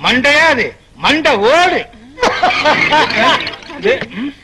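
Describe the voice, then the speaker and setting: A flustered male office boss in a film comedy scene, his voice pitched very high and quick to snap back in exasperation. The line comes from a film soundtrack with clear background noise underneath. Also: sing-song, heavily acted. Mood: bantering. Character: hot-tempered, easily confused male office boss. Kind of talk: Tamil film comedy dialogue.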